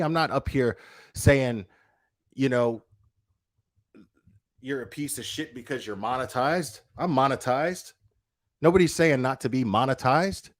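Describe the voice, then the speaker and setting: An online commentator and livestreamer, a man with a mid-range voice, rants his opinions bluntly, profanely and confrontationally, repeating himself for emphasis and throwing out rhetorical questions. There's no echo.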